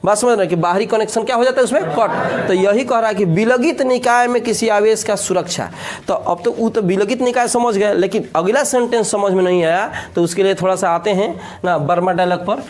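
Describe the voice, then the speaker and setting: Joking high-voiced Bihari physics teacher. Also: male voice, fairly quick. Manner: joking, repeats questions to the class. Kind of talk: classroom lecture with jokes.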